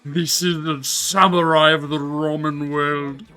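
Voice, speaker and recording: A man's voice: fairly high pitch, little pitch movement, takes it slowly, bright, forceful tone, soft background music. A man voicing a young food critic from a video game, tasting food with rapturous, overblown grandeur. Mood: rapturous, grandiose. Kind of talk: dramatic voice-over reading of game dialogue.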